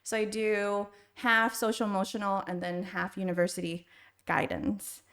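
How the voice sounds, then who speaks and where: As a podcast guest, this middle-aged woman with an American accent chats through interview questions. She came from Thailand to the United States at six and works as a school university counselor. Her voice is mid-range with little pitch movement, at normal speed, and a bit bright.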